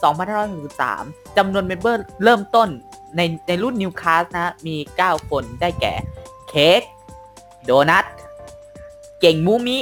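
A male podcast co-host in casual chat who reads dates and names carefully, with pauses. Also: high-pitched, fairly bright tone, faint music behind. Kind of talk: casual chat, reading out a timeline.

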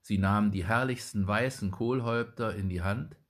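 A man reading a fairy tale aloud as narrator in a measured storytelling manner. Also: fairly low pitch.

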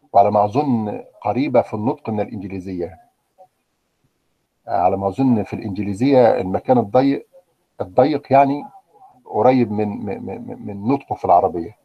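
Husky-voiced Egyptian man teaching. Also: lowish voice, no echo, highs cut off. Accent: Egyptian Arabic. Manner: conversational, checks in with "okay?" and asks the class questions. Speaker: language teacher. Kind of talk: live online grammar lesson.

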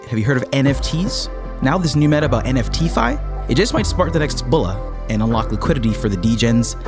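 A male podcast host delivering a showy, announcer-style intro. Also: mid-range voice. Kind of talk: scripted intro then casual chat.

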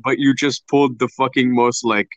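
A man's voice: medium pitch, level tone, normal speed, crowd noise. A man in casual chat with a friend, teasing and crude, swearing a lot, on a dull lo-fi mic.

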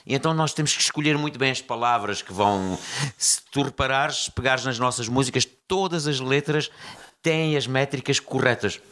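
A man with a European Portuguese accent, a band member chatting casually in an interview and explaining things in an animated way. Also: mid-range voice, moderate pace.

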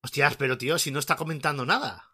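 A man from co-hosting a casual reaction chat, commenting excitably play by play. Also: fairly high pitch, fast talker, slightly rough. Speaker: co-host.

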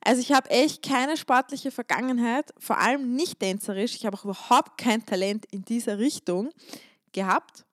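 A woman with a voice on the high side speaks at normal speed in a dry, studio-quality recording. She's a stretching coach hosting a solo podcast, chatting casually and emphatically and repeating words to drive her points home.

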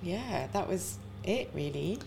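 A woman's voice: lowish voice, expressive, slow pace, gravelly, darkish tone. Chatty young woman, faint noise. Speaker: podcast co-host. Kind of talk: casual chat.

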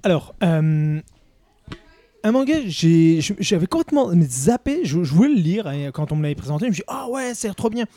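A man who works as a bookseller chats on a podcast. His voice is a little high and warm, recorded dry. He tells stories eagerly with frequent restarts. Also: brisk, no echo. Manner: animated storytelling with restarts. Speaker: bookseller, co-host. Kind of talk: casual podcast chat.

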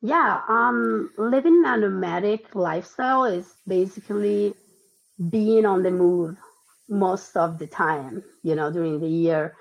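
A woman from Argentina and Italy, who grew up in Italy, chats casually as a podcast guest in a mid-range, gravelly voice that runs a little slow. She's hesitant, with lots of ums and restarts, and the lo-fi audio sounds dull.

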